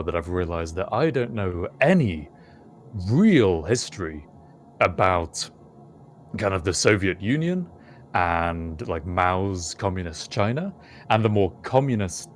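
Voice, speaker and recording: Deep-voiced British man, measured and thoughtful. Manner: thoughtful, measured, hesitant with many fillers. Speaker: podcast co-host. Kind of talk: casual chat.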